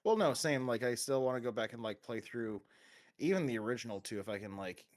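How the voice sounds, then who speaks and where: A man's voice: mid-range voice, expressive, a little fast. A man co-hosting a casual gaming podcast, talking in long rambling runs with many restarts and fillers. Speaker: podcast co-host.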